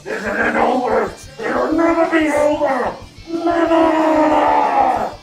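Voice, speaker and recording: A man playing a boastful, petty villain overlord who shouts taunts and insults in a comedy sketch. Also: high voice, lively intonation, measured pace, creaky, exaggerated voice. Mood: panicked. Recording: echoey room from a distance over music.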